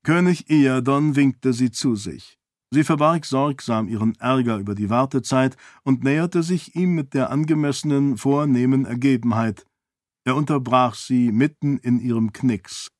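A man reading a fantasy novel aloud as narrator in a measured, even manner. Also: mid-range voice, dry recording, clean studio sound. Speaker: audiobook narrator. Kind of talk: scripted narration.

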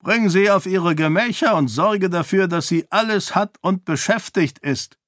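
A man's voice: high voice, a little slow, fairly bright tone, dry recording, clean studio sound, voice pushed up. A man voicing a brusque, domineering king who gives blunt orders. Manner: brusque, commanding. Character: curt, domineering king, rude and commanding.

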